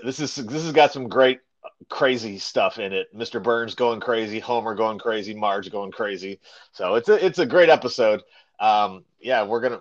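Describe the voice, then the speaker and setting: Upbeat podcast host man, lo-fi sound. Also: lowish voice. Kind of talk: casual podcast chat.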